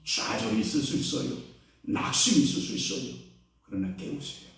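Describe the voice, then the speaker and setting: Male pastor, lively sermon, swings from hush to loud, heavy church echo, mic set far off. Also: medium pitch, brisk, creaky. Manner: call-and-response questions to the congregation; swings between hushed and loud exclaiming. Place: church sanctuary. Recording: echoey church hall, distant mic.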